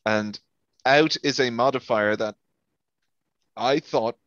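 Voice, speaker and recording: A wry Irish man chatting in an easygoing, self-deprecating way as he explains local slang. The sound is a little dull and lo-fi, with a dry, close feel and no room echo. His pitch sits in an ordinary middle range. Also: slow, a bit bright. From Ireland. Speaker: guest. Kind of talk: casual explanatory chat.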